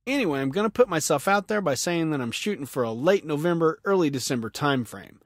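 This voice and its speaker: A man's voice: on the high side, animated, quick pace, no echo, clean studio sound. A man hosting a solo podcast, joking and poking fun at himself, often laughing as he talks. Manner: jokey, self-mocking, laughs often. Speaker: podcast host.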